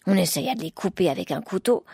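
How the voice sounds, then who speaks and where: A woman narrating a storybook tale in a measured, wry way. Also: fairly low pitch, expressive, gravelly, mellow, slightly rough, dry recording, studio quality.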